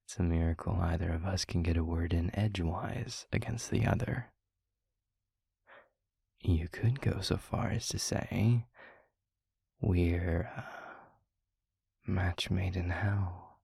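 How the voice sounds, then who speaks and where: Up close and dry, a man voices a tender demon lover, murmuring very slowly in a low, darkish, breathy, very husky tone with no room sound. The intimate roleplay is performed in full character, his florid, eloquent lines slow and deliberate. His temper is wry and devoted, and the mood is wry and playful.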